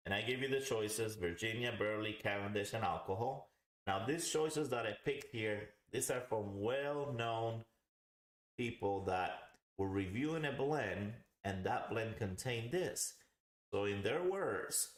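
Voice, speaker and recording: A man hosting a casual livestream, explaining things in a rambling way and repeating himself for emphasis. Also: on the low side. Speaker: host of a live pipe tobacco review. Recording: roomy, echoing home recording.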